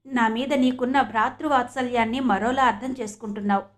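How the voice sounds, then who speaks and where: A woman voicing a firm, brotherly young man in an audiobook, speaking in a measured, lecturing way. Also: fairly high pitch, fairly even intonation, natural voice.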